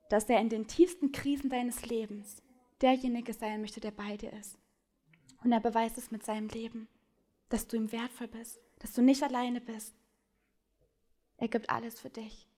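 A woman preaching a sermon, speaking straight to her listeners and swinging between loud urgent appeals and hushed, intimate lines. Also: on the high side. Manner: addresses listeners directly with questions.

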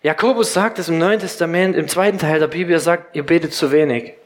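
High-voiced lively German-speaking preacher man. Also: quick pace. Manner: lively storytelling preacher, direct address. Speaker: pastor. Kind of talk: sermon. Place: church with congregation.

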